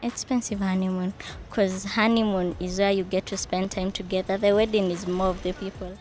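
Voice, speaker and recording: A woman's voice: mid-range voice, flat delivery, normal speed, a little mellow, faint music behind. Woman, young, street interview, handheld mic, cheerful. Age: young adult. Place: outdoors on a street.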